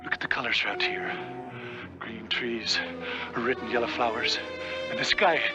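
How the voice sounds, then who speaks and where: An actor playing an excitable, dreamy Irish prospector with a leprechaun-like lilt in a vintage TV western. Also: male voice, medium pitch, close to an everyday voice. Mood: wonderstruck, elated. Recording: dull vintage TV soundtrack with music.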